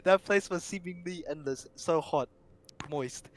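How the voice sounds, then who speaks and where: A man's voice: on the high side, measured pace, slight background noise. Young man reading aloud, stumbling. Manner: stumbling over words, breaking into laughter. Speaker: narrator. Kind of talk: amateur comedic reading aloud.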